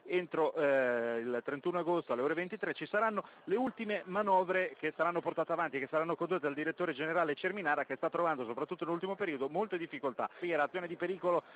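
A man's voice: on the high side, quick pace, hardly any pauses. A man giving live radio football commentary, narrating play, score and minutes as the match unfolds. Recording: dull lo-fi radio feed, loud background noise.

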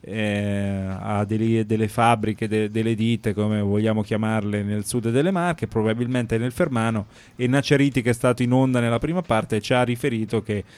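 A man's voice: lowish voice, steady tone, normal speed, few pauses, a little mellow, no room sound. Male football talk host, dry close sound. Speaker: sports talk show host. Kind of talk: casual live football talk.

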